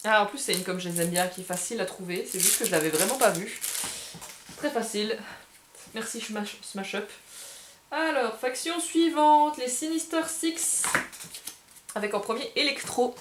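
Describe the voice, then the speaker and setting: A woman's voice: fairly high pitch, moderate pace. A woman hosting a casual unboxing video for a game bar, chatting and hesitating as she sorts through cards. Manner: chatty, hesitant, self-correcting while handling cards. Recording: roomy with faint background noise.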